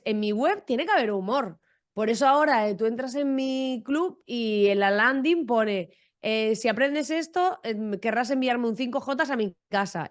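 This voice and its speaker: A woman from Almería speaks in a podcast interview. Her voice sits fairly high. She talks frankly and directly, with a humorous edge. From Almería, Spain. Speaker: guest entrepreneur.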